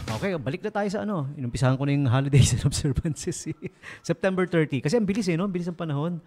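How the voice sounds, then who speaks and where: A man's voice: a little high, expressive, quick pace, a little mellow, soft background music. A man with a Filipino accent, a radio DJ chatting casually on air, joking and laughing often. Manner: jokey, laughs often, mixes English into Tagalog. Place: radio studio.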